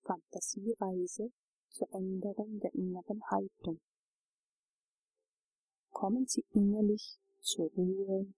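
A woman narrating a guided relaxation journey, giving calm, soothing instructions. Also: medium pitch, slow pace, pauses often, husky, no echo, poor audio.

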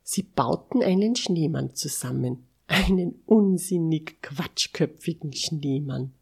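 A woman reading a bedtime story to children, expressive and dropping to a whisper for asides. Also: deep voice, slow pace, creaky, slightly rough.

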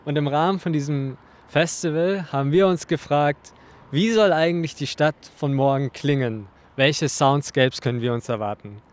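A man hosting a festival radio show, presenting in a calm, even, scripted way. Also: on the high side, moderate pace.

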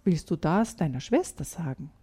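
A woman reading a story aloud and voicing a gentle, patient father of two small children in a soft, quiet voice. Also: deep voice, animated, moderate pace, slightly rough, pitched below the performer's own voice.

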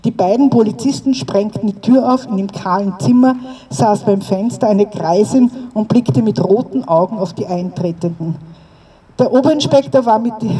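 A woman's voice: medium pitch, dark tone, slightly rough. Woman reading a story outdoors, distant mic. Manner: measured reading with occasional slips. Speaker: reader at a commemoration. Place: outdoors in front of a housing block.

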